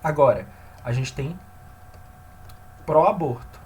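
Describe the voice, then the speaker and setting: A man's voice: a little high, a little mellow. Man teaching a grammar lesson. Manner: checks in often with listeners; stresses key terms slowly.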